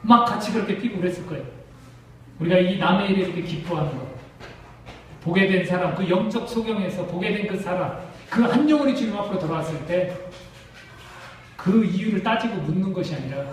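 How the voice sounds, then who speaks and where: A Korean man preaching a sermon to his congregation, emphatic and full of rhetorical questions. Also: high-pitched. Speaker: pastor. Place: church sanctuary. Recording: echoey church hall, distant mic.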